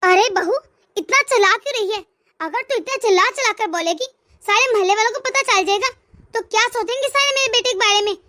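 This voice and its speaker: A woman voicing a harsh, taunting old mother-in-law in a cartoon, in a high, bright voice with a dry sound. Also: quick pace. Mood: scolding. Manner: taunting, scornful. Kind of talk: cartoon voice acting.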